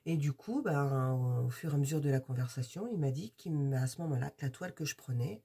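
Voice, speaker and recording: A husky, warm-toned woman from France talks her viewers through an unboxing in a chatty, rambling way. She hesitates often and keeps the tone casual and friendly. Her voice is mellow and slightly breathy. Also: extremely low pitch, lively intonation, brisk. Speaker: crafts YouTuber.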